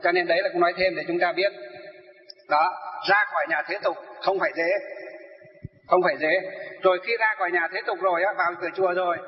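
High-voiced monk in echoing hall. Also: male voice, steady tone, fast, long pauses. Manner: rhetorical questions, answers himself. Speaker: Buddhist monk, abbot. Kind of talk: sermon. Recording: echoey hall, dull sound.

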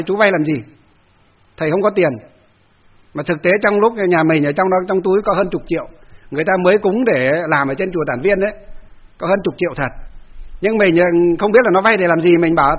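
A Buddhist monk gives a dharma talk, telling a personal story in a loose, chatty way with many fillers and acted-out quarrels. His voice sits high for a man. The recording sounds dull and lo-fi. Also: fast talker, pauses often, slightly rough.

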